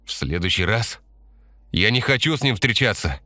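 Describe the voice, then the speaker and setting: An aggressive young man barks coarse, threatening lines, put on by a male narrator. His voice is bright and swings lively up and down, recorded dry and close. It is an audiobook scene. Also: lowish voice, moderate pace, no room sound, voice pushed up. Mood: desperate. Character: hot-tempered young man, aggressive and rude.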